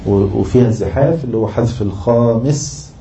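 A man with an Egyptian accent teaching a lesson on poetic meter, slowly chanting the scansion of verses as he explains. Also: mid-range voice, creaky, mellow, a little hiss or hum. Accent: Egyptian Arabic. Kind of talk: Arabic prosody lesson. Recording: roomy, muffled lo-fi recording.

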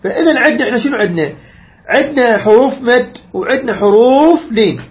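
A man's voice: extremely high pitch, lively intonation, fast. A man gives a tajweed lesson. He explains patiently, demonstrates each sound aloud and keeps quizzing his listeners. The recording sounds a little dull and lo-fi. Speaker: Quran recitation teacher.

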